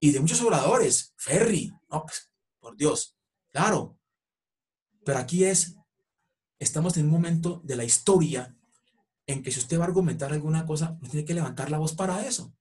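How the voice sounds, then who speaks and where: A man's voice: on the high side, animated, normal speed, pauses often, a little mellow. A middle-aged man teaching an online law class, explaining step by step. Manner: explanatory, acts out courtroom exchanges. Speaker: law professor. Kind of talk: online lecture.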